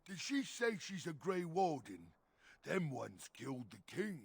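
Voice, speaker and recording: Gravelly dim giant bandit brute. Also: male voice, fairly high pitch, very animated, full character voice. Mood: dim puzzlement. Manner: slow-witted, dim giant oafishness, blunt. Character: dim-witted hulking brute of a highway bandit. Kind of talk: fantasy video game acting.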